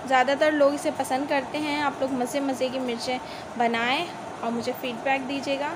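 Filmed from above on a phone or camera pointed at her countertop, this high-voiced woman from Pakistan narrates a step-by-step recipe for her home cooking channel in a flat, moderately paced delivery. She is homely and chatty, repeatedly telling viewers "see," and the home phone recording is noisy.

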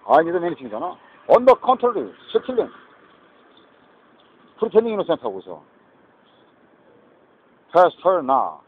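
A man's voice: on the high side, wildly swooping pitch, takes it slowly, pauses often. Man rambling over a tinny phone line. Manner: mixes Korean and English, repetitive, agitated asides. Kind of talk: rambling self-recorded monologue. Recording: tinny phone-like audio with faint noise.

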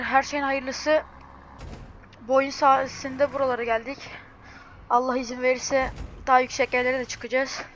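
A young woman hosting a car game video, talking in a hurried, distraught way and swearing oaths as she goes. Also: sits high, a bit bright, highs cut off, slight background noise. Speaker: mobile car game channel host. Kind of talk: gaming screen-recording vlog.

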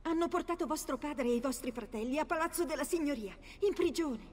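An actress playing a distressed, loyal household servant with a husky voice in dramatic game dialogue. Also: female voice, high-pitched, a little fast, darkish tone, in a large hall, lightly acted. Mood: alarmed, apologetic.

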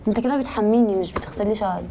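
A woman's voice: mid-range voice, racing, warm tone, slight background noise. A woman with an Egyptian accent, a salon customer caught in a hidden-camera prank, firing back indignant, exasperated retorts. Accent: Egyptian Arabic. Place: hair salon.

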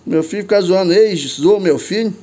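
Older man, carioca accent, high voice, excitable, slangy, laughing, casual vlog. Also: normal speed. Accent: Carioca Portuguese. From Rio de Janeiro, Brazil. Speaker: drone vlogger.

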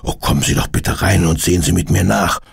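A man's voice: low-pitched, steady tone, fairly quick, gravelly, breathy edge, no echo, clean studio sound, exaggerated voice. A man voicing a flustered, sleepy man in pajamas in a children's radio play. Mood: startled. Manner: flustered and reproachful.

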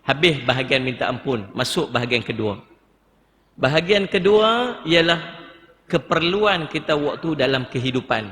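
A man's voice: medium pitch, a bit bright, in a large hall, a little hiss or hum. Emotive Kedah-accented man lecturing. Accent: northern Malay, Kedah. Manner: emotive, coaxing, acts out tearful pleading prayers. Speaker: religious teacher. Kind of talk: religious seminar lecture. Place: mosque hall.

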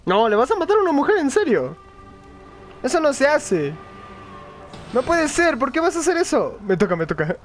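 Excitable young man doing gaming commentary. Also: very high-pitched, normal speed, pauses often, faint music behind. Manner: excitable, joking, yelling at the game and laughing. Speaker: gaming video host.

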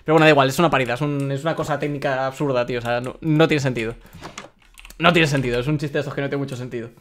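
A young man with a Spain Spanish accent streaming a game live and reading chat aloud, excitable, laughing often and stumbling over his words. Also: medium pitch, racing, slight background noise.

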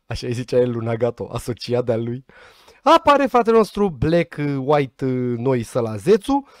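A man's voice: medium pitch, sing-song, dry recording. Slangy joking male anime recapper. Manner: slangy, joking, puts on quick voices for characters. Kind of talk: casual comedic recap narration.

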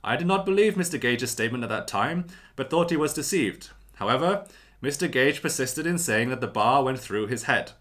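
A man's voice: medium pitch, lively intonation, brisk, fairly bright tone, pitched above the performer's own voice, close to an everyday voice. A man voicing a formal nineteenth-century male country doctor, reading out a written report in an old-fashioned transatlantic diction. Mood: grave, formal.

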